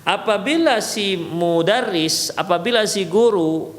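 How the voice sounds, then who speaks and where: A man with a Medan Indonesian accent giving a religious lecture as a teacher, explaining slowly with many fillers and reading Arabic before translating it. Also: high voice, a bit bright. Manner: raises his voice sharply when acting out a scolding teacher. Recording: long hall reverb.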